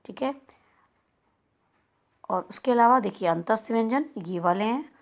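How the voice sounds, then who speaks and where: A woman teacher giving a recorded lesson to young schoolchildren, speaking slowly and spelling out each sound one by one. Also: fairly high pitch, animated. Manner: slow, explanatory, spelling out sounds. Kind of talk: recorded class lesson for children.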